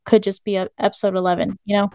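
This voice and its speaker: A woman's voice: medium pitch, level tone, fast, warm tone, slight background noise. A woman podcast co-host talking informally and casually over an online voice call. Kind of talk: casual private chat.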